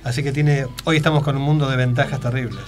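A man's voice: mid-range voice, fairly even intonation, fast, over music. A middle-aged man with an Argentine accent, a guest impressionist on a radio show who chats, jokes and tells stories. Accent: Argentine Spanish. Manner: chatty joke-telling storyteller. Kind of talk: casual radio interview. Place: radio studio.

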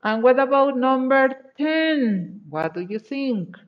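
A woman teaching English over a video call, her words coming slowly and patiently as she praises each answer. The audio is muffled and lo-fi, like a laptop mic. Her colors her English. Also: high voice, animated. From Mexico. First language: Spanish. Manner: patient, encouraging, repeats praise. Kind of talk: online class, checking answers.

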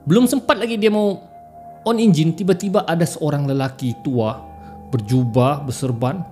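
A man's voice: fairly high pitch, normal speed, darkish tone, soft background music. A man telling horror stories in a chatty podcast style, often calling his listeners "guys". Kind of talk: casual horror storytelling.

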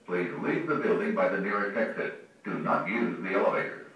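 A man calmly repeating a recorded security alert, heard over a building intercom. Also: low voice. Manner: calm, measured, repetitive. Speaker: building announcement. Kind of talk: recorded looping alarm announcement. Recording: echoey loudspeaker heard from far off.

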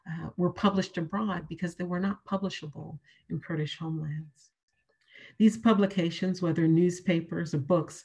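Husky-voiced woman giving a measured keynote. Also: deep voice. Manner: measured, emphatic repetition of key phrases. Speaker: keynote speaker. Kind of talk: prepared keynote lecture. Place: home room by a window. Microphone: webcam on a video call.

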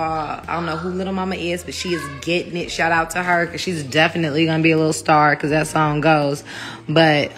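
A woman in her thirties chatting casually on a phone livestream from her home kitchen, rambling and laughing easily. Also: lowish voice. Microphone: phone held close.

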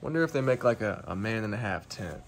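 A young man casually walking through his camping gear in a home basement, talking to a handheld phone camera in a relaxed, chatty way. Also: lowish voice, fast talker. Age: young adult. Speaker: outdoor gear vlogger. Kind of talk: casual vlog walkthrough. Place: home basement room, indoors. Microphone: phone camera held close.

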